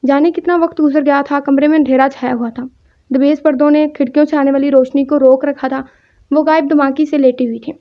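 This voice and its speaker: A woman's voice: high-pitched, steady tone. A woman reading a romance novel aloud, narrating and speaking every character's lines in her own voice. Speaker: audiobook narrator. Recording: dull lo-fi recording.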